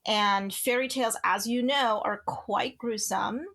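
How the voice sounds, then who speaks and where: A woman's voice: a little high, fairly even intonation, a little slow, a bit bright. A woman from Trinidad and Tobago, chatting as an author guest on an interview podcast, rambling with lots of fillers and restarts. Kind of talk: casual interview conversation.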